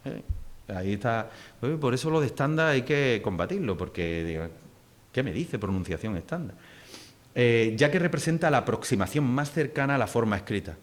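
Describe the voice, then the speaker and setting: A man's voice: medium pitch, very animated, a little fast. Andalusian man giving a casual lecture. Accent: Andalusian Spanish. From Huelva, Spain. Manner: casual, digressive, many fillers and restarts. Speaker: linguistics lecturer. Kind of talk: public lecture.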